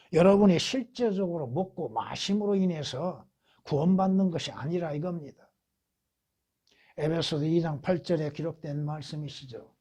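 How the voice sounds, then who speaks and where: A man's voice: fairly high pitch, a little mellow, husky. A man preaching at a church Bible study as pastor, putting rhetorical questions to the congregation and answering them, with emphatic repetition.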